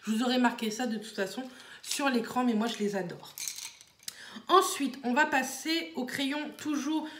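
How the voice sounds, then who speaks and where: Woman beauty vlogger, casual and rambling, slightly high voice, echoey room sound. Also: moderate pace, fairly bright tone. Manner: chatty, rambling, many fillers. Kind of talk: casual chat to camera. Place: small room at home.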